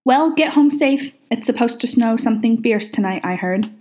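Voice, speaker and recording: A woman's voice: fairly high pitch, expressive, normal speed, darkish tone, pitched above the performer's own voice, lightly acted. A woman voicing a friendly, teasing young female coat attendant with a chirpy manner.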